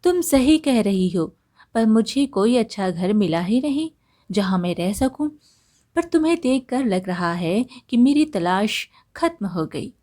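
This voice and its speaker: A woman's voice: mid-range voice, animated, measured pace, warm tone, close to an everyday voice. A woman voicing a cheeky, chatty male parrot with a teasing manner.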